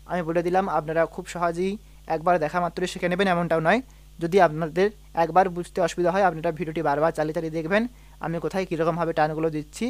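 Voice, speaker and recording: Patient man teaching harmonium. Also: fairly high pitch. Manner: patient, breaks words slowly into syllables; sings sargam note names over the harmonium. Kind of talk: music lesson, singing and explaining notes. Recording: harmonium playing along.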